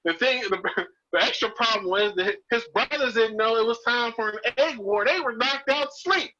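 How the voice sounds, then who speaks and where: A man's voice: very high voice, normal speed, pushed and bright, highs cut off. A man telling a story in casual chat, laughing as he goes.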